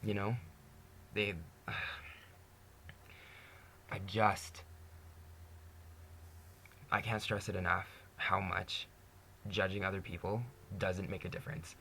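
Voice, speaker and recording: Deep and gravelly, this man speaks slowly in a level yet sharp tone, pausing often over slight background noise. He's a Canadian vlogger in his twenties giving a personal, earnest talk to camera, laughing frequently and leaning constantly on "you know."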